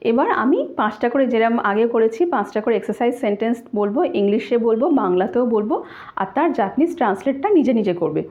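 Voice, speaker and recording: A woman teaching Japanese grammar in a casual online lesson, explaining slowly and repeating each example phrase. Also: fairly high pitch, expressive. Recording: tinny, phone-like audio.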